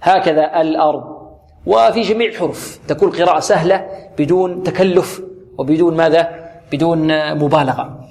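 A male Quran recitation teacher giving a tajweed lesson, asking the class questions and answering them himself, and slowly repeating words to show how they are pronounced. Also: on the high side, a little mellow. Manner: often says "may God bless you" to students.

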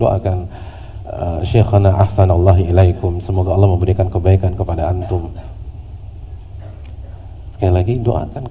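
Dark-voiced male religious teacher, roomy hall. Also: fairly low pitch. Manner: relaxed, humorous, conversational with slang asides. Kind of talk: casual religious study lecture. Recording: lo-fi audio in a reverberant hall with faint noise.

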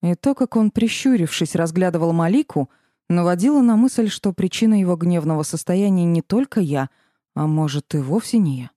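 A woman's voice: on the low side, expressive, normal speed, mellow, no room sound, clean studio sound. A woman narrating a first-person fantasy audiobook in a wry, sardonic manner.

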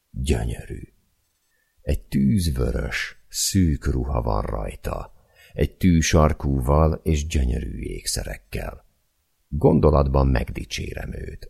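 A man narrates an audiobook in the first person, close and measured. His voice sits extremely low, with a gravelly, husky grain. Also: darkish tone.

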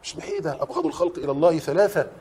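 A man preaching a sermon in an Egyptian Arabic accent, swinging from hushed, reflective passages to impassioned shouting. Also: a little high, very fast, slight background noise.

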